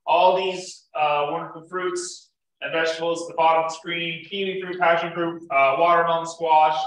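At normal speed and with fairly even intonation, a young man whose voice sits on the high side and sounds fairly bright gives a group an informal slide-show talk on beekeeping, full of fillers and restarts. A faraway camera captures him in an echoey indoor meeting room.

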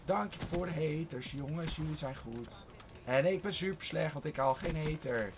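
A man giving rambling live gameplay commentary from his bedroom, voice a little strained, with excited outbursts and swearing. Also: on the high side, normal speed, noisy background. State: slightly strained voice. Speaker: gaming YouTuber. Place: his own warm bedroom.

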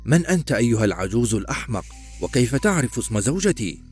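A man voicing a hot-tempered, fearless male knight who speaks in loud, angry bursts. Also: mid-range voice, big pitch swings, fast, soft background music, lightly acted. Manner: angry, shouting in defiance.

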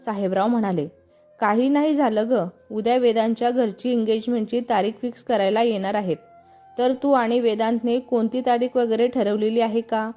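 A woman reading a family story aloud, giving the narration and every character's lines in the same even storytelling voice. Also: on the high side, moderate pace, faint music behind.

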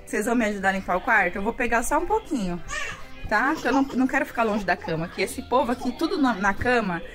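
A woman's voice: fairly high pitch, animated, fast talker. A Brazilian woman filming a casual home vlog in her bedroom, chatting animatedly and exclaiming to her little ones as she cleans. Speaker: vlogger and mother. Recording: loud music over the voice. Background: loud background music.

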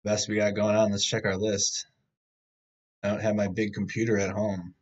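A man's voice: lowish voice, flat delivery, moderate pace. A man with a tinny, tin-can laptop-mic voice. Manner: reads headlines, stumbles and restarts words. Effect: tinny, tin-can sounding laptop mic. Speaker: live-stream news host. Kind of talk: casual news rundown. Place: hotel room. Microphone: laptop microphone.

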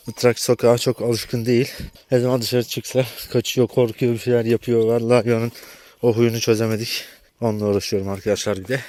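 A man's voice: fairly low pitch, darkish tone. A man from Turkey talking casually to viewers while herding animals outdoors, chatty, often calling out to his animals. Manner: chatty, exclaims and scolds animals. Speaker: village vlogger. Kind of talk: casual vlog talk to viewers. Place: outdoors in a village pasture.

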